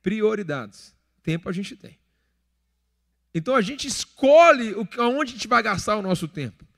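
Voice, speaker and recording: A man's voice: high voice, very animated, moderate pace, creaky, fairly bright tone. A man in his thirties with a Brazilian accent, preaching a sermon in a conversational, joking way and acting out little everyday scenes. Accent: Brazilian Portuguese. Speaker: pastor. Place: church hall. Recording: long church reverb.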